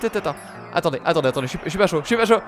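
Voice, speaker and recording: A young man streaming a video game live, commentating excitably, swearing and shouting at the game. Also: a little high, rapid-fire, soft background music. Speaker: gaming streamer.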